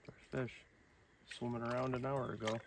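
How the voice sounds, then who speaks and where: A man's voice: medium pitch, little pitch movement, moderate pace. A man in his thirties chatting casually while cooking at an outdoor lakeside campsite, thinking aloud. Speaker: father cooking at camp. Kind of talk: casual family chat. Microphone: camera a few steps away. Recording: distant voice, loud outdoor noise.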